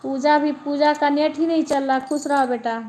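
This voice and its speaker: A woman's voice: sits high, fairly even intonation, normal speed, darkish tone, slight background noise. A woman, chatting casually with viewers on a live stream from home, homely and repetitive. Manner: chatty, homely, repeats herself. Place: at home, lying down.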